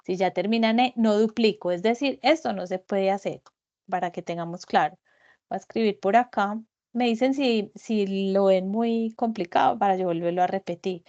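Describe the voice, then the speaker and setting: A woman's voice: medium pitch, moderate pace, darkish tone. Patient woman teaching English online. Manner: patient, step-by-step explaining, often checking with "¿cierto?". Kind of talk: online grammar lecture. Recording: dull lo-fi web conference audio.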